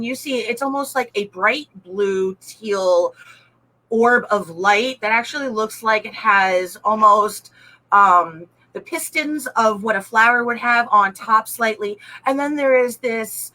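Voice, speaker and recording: A woman's voice: medium pitch, pushed and bright, poor audio. A woman co-hosting a talk show, chatting playfully and laughing often. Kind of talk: casual talk show chat.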